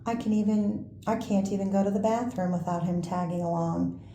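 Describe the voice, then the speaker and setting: An older woman with a gravelly grandma voice reading a children's picture book aloud, slowly and expressively with pauses for little asides. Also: mid-range voice, fairly even intonation, dark tone. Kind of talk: read-aloud children's storytelling. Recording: roomy echo, faint background noise.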